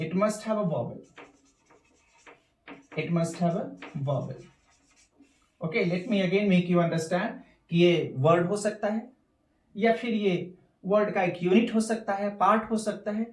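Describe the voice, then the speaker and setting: Hindi-mixing male teacher, slow and roomy. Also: sits high, darkish tone, distant mic. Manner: mixes Hindi and English, repeats key terms, asks rhetorical questions. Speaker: English teacher. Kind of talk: classroom lesson.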